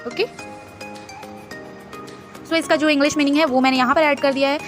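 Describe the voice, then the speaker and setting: A woman's voice: high-pitched, steady tone, moderate pace, soft background music. A woman hosting a screen-recorded design tutorial, chatty and instructive, mixing English words into her Hindi.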